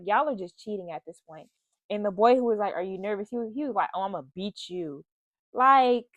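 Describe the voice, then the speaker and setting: A woman's voice: mid-range voice, dry recording. A young woman vlogger telling a casual storytime, chatty and talking straight to her viewers. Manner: chatty, addresses viewers as y'all.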